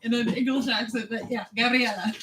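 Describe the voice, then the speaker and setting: A woman's voice: a little high, steady tone, slow pace, background noise. A woman reading out viewers' questions from a live chat, hesitant with fillers.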